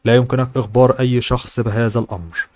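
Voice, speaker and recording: A man reading the lines of an angry, proud young rich woman in a novel audiobook, in a sharp, indignant manner. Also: medium pitch, fairly even intonation, very fast, slight background noise, close to an everyday voice.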